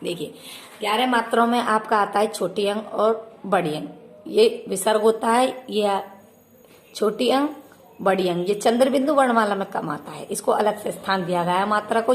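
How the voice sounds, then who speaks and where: Speaking a little high over slight background noise, a woman leads a Hindi grammar lesson for children. She is patient, goes over terms again and again, and affectionately addresses her listeners as "beta."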